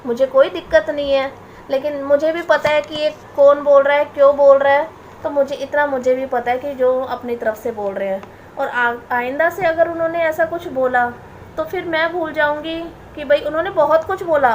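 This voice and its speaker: This family vlogger is a woman in her thirties whose voice sits high, with slight background noise behind her. Speaking directly to the camera, she defends herself against critics with indignation, going over the same points again and again.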